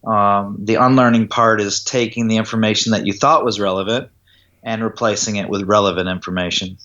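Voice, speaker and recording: This golf putting coach talks fairly quickly in a lowish, sharp voice with a steady tone, laying out his method during an interview. He often checks in with "does that make sense." The audio quality is lo-fi.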